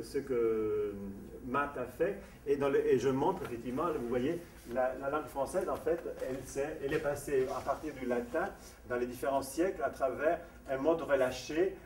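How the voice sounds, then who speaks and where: A voice and diction teacher from Sardinia, Italy, whose first languages are Sardinian and Italian, gives an academic lecture on diction in a summer school lecture room. His mid-range voice has a darkish tone as he explains step by step, reading out definitions between asides. A distant mic picks up an echoey room with faint noise.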